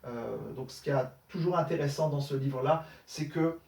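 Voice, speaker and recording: A man's voice: a little high, moderate pace, darkish tone, distant mic. A man teaching Arabic grammar in French, correcting exercises step by step, with many fillers and frequent checks for understanding. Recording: echoey room, voice somewhat off-mic.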